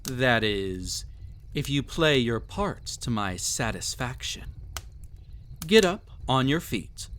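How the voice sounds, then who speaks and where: In an intimate audio roleplay, a man plays a cruel, vain, possessive emperor toying with a captive, his phrasing haughty, teasing and theatrical with an air of smug indulgence. His medium-pitched, fairly bright voice moves slowly with big pitch swings, over a little hiss or hum.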